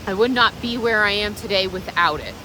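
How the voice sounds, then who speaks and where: Outdoors, a woman vlogger and meditation practitioner talks reflectively off the cuff, encouraging the viewer directly in unscripted vlog talk. Her mid-range voice moves a little fast, over clear, steady background noise.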